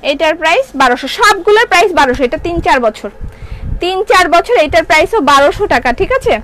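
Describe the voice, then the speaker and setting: A woman's voice: very high voice, lively intonation, fast talker, fairly bright tone, poor audio. A middle-aged woman with a Bangladeshi Bengali accent selling clothes on a live stream, chatting and answering viewer comments. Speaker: online shop seller. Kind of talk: live-stream product sale.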